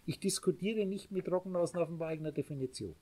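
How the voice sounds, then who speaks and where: A man teaches a small group in a spiritual lecture. His voice is mellow and somewhat husky. He talks emphatically, repeats his points and speaks straight to his listeners. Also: fairly high pitch, quick pace. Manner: emphatic, repetitive, addresses listeners directly.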